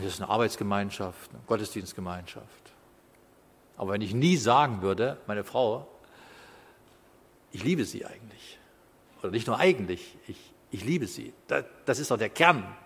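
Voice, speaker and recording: A man in his fifties preaching a sermon in a conversational way, with quiet asides and loud bursts of emphasis. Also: lowish voice, brisk, vocal fry, breathy edge. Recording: hall with long reverb.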